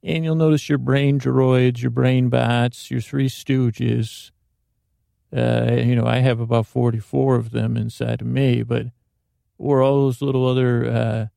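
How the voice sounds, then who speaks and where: A sleep podcast host rambles through a meandering bedtime monologue, interrupting himself and deliberately botching words. His voice is medium-pitched, gravelly, and mellow, recorded with studio quality and no echo.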